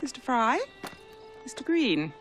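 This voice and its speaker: Regal british queen, high voice, very up and down, bossy and formal, game scene w music. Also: big pitch swings, a little slow. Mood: regal, commanding. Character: imperious, formal British queen of the Victorian era. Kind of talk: video game cutscene acting. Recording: music behind.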